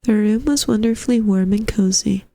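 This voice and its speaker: A woman's voice: mid-range voice, moderate pace, gravelly, dark tone. A woman reading a short story aloud as a storyteller, in scripted narration. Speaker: storyteller, streamer.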